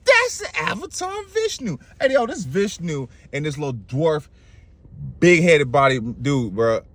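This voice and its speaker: A man's voice: a little high, sing-song, measured pace, a bit bright, no room sound, voice pushed up, heavily acted. A man voicing a suspicious, scheming guru who needles the king in street slang. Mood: alarmed.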